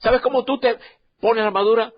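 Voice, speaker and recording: A man preaching a sermon with passion, swinging from quiet, low asides to loud, rising declarations. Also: fairly even intonation, a little fast. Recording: dull lo-fi sound.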